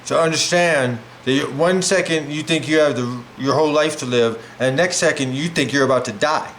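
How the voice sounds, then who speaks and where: While prepping food at home, a middle-aged man with a slightly high voice rambles animatedly about something from his own life at normal speed. His speech is loaded with "like" fillers, and slight background noise can be heard.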